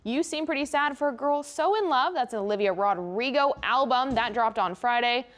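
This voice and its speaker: A TV news show co-host with an American accent chats casually in an unscripted studio segment. Her fairly high voice is animated and moderately paced, and her informal talk is sprinkled with "like" and "oh my gosh."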